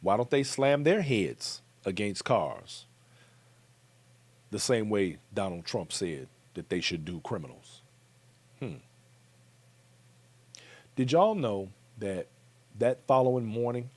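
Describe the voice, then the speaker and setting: A man's voice: fairly low pitch, lively intonation, a little slow, pauses often, a little mellow. A man with an American accent hosting a commentary show, talking emphatically and speaking straight to his viewers. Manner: emphatic, direct address to viewers.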